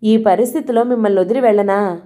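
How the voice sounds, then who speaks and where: A woman's voice: mid-range voice, fast talker, mellow, close to an everyday voice. A woman voicing a young wife who answers tersely and brushes things off. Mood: evasive. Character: young wife, quietly hurt and evasive.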